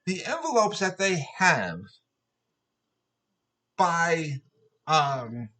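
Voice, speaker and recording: A man vents to his viewers in a long, profane rant, circling back over the same points with mounting exasperation. His voice is bright and pressed, sitting a little high for a man. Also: very animated, extremely slow, low-quality recording. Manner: profane, exasperated, repetitive storytelling. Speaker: vlogger. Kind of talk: angry ranting monologue.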